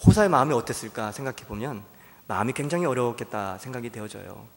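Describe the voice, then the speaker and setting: Brief: male pastor, midweek sermon, storytelling with rhetorical questions, mid pitch, in a reverberant sanctuary. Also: animated, fast, vocal fry. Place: church sanctuary. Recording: long church-hall reverb.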